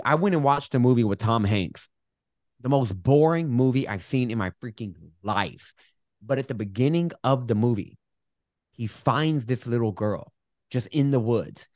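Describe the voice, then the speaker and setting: A man's voice: medium pitch, a little mellow, no echo, clean studio sound. Lisping man, R sometimes like W. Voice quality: lisp on S sounds; R sometimes sounds like W. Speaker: guest, public speaker. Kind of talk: conversational interview, explaining with acted-out examples.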